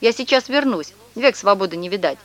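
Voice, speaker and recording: A woman's voice: medium pitch, lively intonation, a little fast, natural voice. A woman reading aloud and voicing a tall young male swindler who sobs, wails and talks in slang, in a storybook reading. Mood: agitated. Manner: theatrical sobbing and wailing, slangy.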